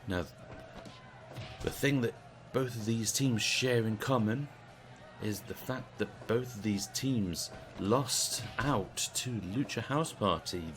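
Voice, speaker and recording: A British man giving casual play-by-play commentary on a video game wrestling stream, chatty and relaxed. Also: fairly low pitch, a little hiss or hum. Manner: chatty, relaxed, asks the audience.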